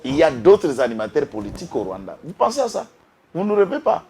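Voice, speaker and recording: Impassioned man, lively pitch. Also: quick pace, a little hiss or hum. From Congo-Kinshasa. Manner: impassioned, switches between French and Lingala, rises to outbursts. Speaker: political guest. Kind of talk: heated political talk show.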